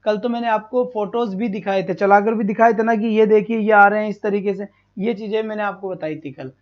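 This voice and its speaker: Running a live online exam-prep class, a man with a fairly high voice talks in a chatty, repetitive way, posing questions and answering them himself, and scolds students who arrive late. His tone is steady and his pace brisk, though the stream audio is somewhat dull and lo-fi.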